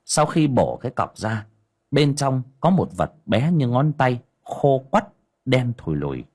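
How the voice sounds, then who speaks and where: A man's voice: medium pitch, very animated, a little slow, a little mellow, husky. A man narrating an audio story with dramatic expression.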